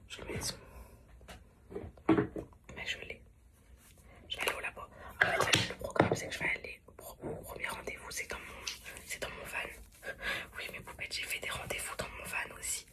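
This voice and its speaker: A woman whispering a morning vlog at home so she does not wake a child, hushed, confiding and rambling to her followers. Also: normal speed, long pauses. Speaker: lifestyle vlogger.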